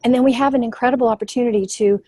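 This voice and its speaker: A woman's voice: a little high, steady tone, rapid-fire, dark tone, husky, dry recording, low-quality recording. A filmmaker woman leading a webinar workshop on storytelling, speaking in an enthusiastic, fluent, teacherly way over a video call. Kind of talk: webinar presentation.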